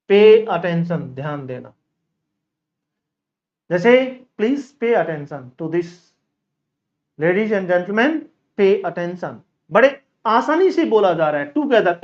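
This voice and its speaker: Slow-drilling male English teacher from India. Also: high-pitched. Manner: slow, repetitive drilling of example sentences; addresses viewers as children. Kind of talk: spoken English lesson explained in Hindi. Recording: slightly dull lo-fi recording.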